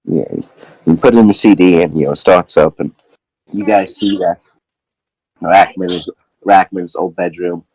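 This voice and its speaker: A man's voice: low-pitched, fairly even intonation, unhurried, pauses often, darkish tone, low-quality recording. A man narrating as game master in a casual, rambling way with many fillers.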